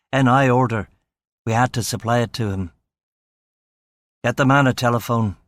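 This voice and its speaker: A male audiobook narrator reads a crime thriller in a clipped, understated first-person voice. His pitch sits in an ordinary middle range. The read is dry and close, with no room sound around it. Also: dry recording. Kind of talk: scripted narration.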